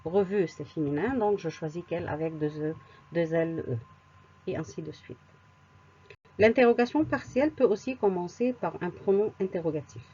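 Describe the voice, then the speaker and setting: A woman gives a grammar lesson in a low, mellow voice, with a slight husky grain. She talks slowly and deliberately, repeating words and pausing on fillers as she works through examples. The recording sounds dull and lo-fi. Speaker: French teacher.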